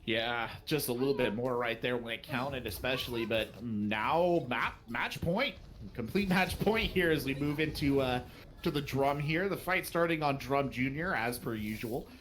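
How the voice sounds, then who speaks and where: A man casting an esports match live, giving play-by-play with rapid calls in big fights and joking asides. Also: mid-range voice, fairly bright tone, a little hiss or hum.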